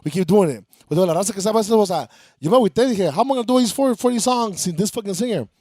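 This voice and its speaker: Fast-talking, high-voiced band guy switching between English and Spanish, profane, on a close dry mic. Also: no room sound. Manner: rapid Spanglish, profane, excitable. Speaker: band member guest. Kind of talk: casual podcast chat.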